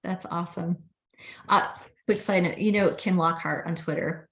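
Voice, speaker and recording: A woman guest talking casually in an interview, chatty and animated when retelling conversations. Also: fairly low pitch, moderate pace. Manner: chatty, acts out quoted dialogue with laughs. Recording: roomy echo.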